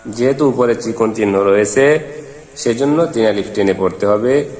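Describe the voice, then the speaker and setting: A man teaching Quran recitation in a slow lesson, spelling out letters and vowel marks one by one. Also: lowish voice, a little mellow, faint music behind. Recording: echoey room with long reverb.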